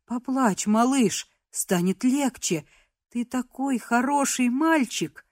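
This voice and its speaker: A woman voicing a young captive woman who talks in soft, coaxing tones. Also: on the high side, expressive, slow, no echo, studio quality. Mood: cooing.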